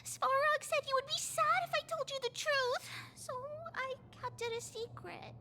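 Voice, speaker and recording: A woman's voice: very high-pitched, moderate pace, bright, forceful tone, slight background noise, heavily acted. A woman voicing a timid, sweet little girl in a video game. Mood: tearful, apologetic.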